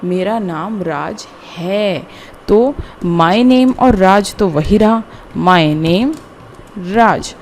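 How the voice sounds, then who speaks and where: A woman teaching a grammar lesson, explaining slowly and deliberately word by word, with frequent repetition. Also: mid-range voice, lively intonation, a little mellow, slight background noise. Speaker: English teacher. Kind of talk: classroom-style grammar lesson.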